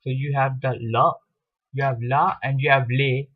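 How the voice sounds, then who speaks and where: A man teaching a recorded video lesson on French articles, explaining slowly and patiently, repeating each example. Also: mid-range voice, level tone, dry recording. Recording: dull lo-fi recording, dry.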